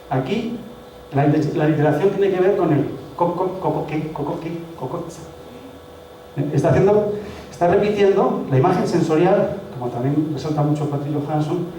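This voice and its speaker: A man's voice: fairly high pitch, dark tone, slight background noise. Man lecturing in an echoey hall. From Spain. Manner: conversational, explains with rhetorical questions. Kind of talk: academic lecture. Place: municipal hall. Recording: very echoey hall, mic far off.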